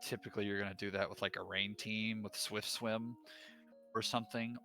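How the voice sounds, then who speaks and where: A man's voice: lowish voice, level tone, brisk, sharp tone, soft background music. A young man coaching in a game league, talking casually and eagerly, restarting sentences as he explains. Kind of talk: casual stream chat.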